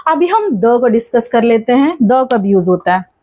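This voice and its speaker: High-voiced Indian woman teaching grammar. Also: big pitch swings, moderate pace, darkish tone. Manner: asks questions and answers them herself, repeats key points; mixes Hindi with English terms. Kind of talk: classroom-style grammar lesson.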